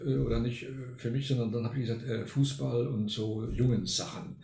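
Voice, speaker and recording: An older man from Argentina talks at a relaxed storytelling pace, often pausing on fillers. His voice has a gravelly edge, and the room adds a noticeable echo. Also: mid-range voice, crowd noise. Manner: storytelling, frequent hesitation fillers. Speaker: guest, retired music professor. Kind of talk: casual interview.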